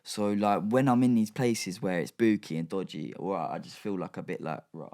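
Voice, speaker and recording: A man's voice: fairly low pitch, normal speed, a little mellow. A young man, chatting casually as a podcast guest, slangy and rambling with lots of fillers. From England. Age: young adult. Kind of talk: casual chat.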